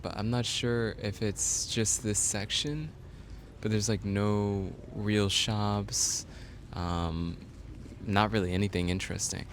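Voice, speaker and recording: Male travel vlogger, easygoing and rambling, fairly low voice, recorded on a handheld camera mic. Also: fairly even intonation, slow pace, slight background noise. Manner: chatty, easygoing, rambling with fillers. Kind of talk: casual travel vlog talk to camera. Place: airports, planes and a shuttle bus. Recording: background music under the voice. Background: music.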